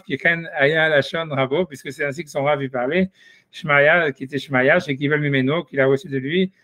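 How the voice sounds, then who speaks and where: A man teaching an informal Talmud lesson, thinking aloud in a halting way with many restarts. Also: a little high, a bit bright, no room sound. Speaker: Torah study teacher.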